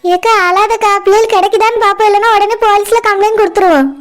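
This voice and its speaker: A woman voicing a calm young woman in a cartoon who comforts a crying friend, with a Kanyakumari Tamil accent. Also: extremely high pitch, fast. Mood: soothing. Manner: soothing and reassuring. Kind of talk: cartoon voice acting.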